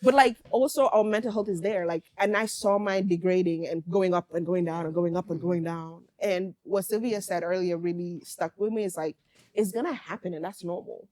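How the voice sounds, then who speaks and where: A woman hosting a casual talk show, lively and slangy, who laughs a lot. Her voice is recorded close and dry, with no room sound. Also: on the low side, moderate pace, no room sound. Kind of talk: casual chat.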